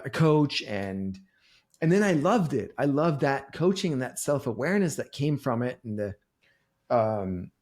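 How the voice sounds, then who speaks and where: A man in his forties answers a podcast host's questions. He talks with open, confessional candor and trips over his words, restarting phrases. His pitch sits in an ordinary middle register but swings up and down as he goes. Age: 40s. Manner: halting, restarts often, wide swings in pitch and loudness. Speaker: podcast guest. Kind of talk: candid storytelling in conversation.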